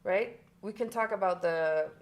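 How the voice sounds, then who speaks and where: A woman's voice: mid-range voice, measured pace. A woman who works as a somatic intimacy coach, explaining her work in an earnest way during a casual conversation.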